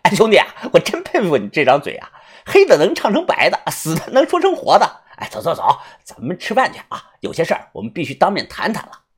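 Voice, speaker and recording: A chummy gang boss who talks in a low, confiding tone and stretches out his "ah"s and "hey"s, as a man reading an audiobook puts him on. The voice carries a husky edge. His pitch swings widely from line to line. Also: huge pitch swings, exaggerated voice. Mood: jovial. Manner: folksy, drawn-out fillers like "ah" and "hey". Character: smooth-talking gang boss, middle-aged man, chummy. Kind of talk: audiobook character voice.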